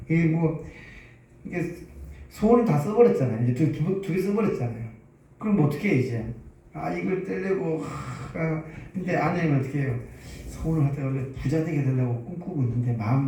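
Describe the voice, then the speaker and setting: A man's voice: fairly high pitch, mellow. A male pastor telling a story in a sermon, often asking the congregation questions. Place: church sanctuary. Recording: echoey church hall, distant mic.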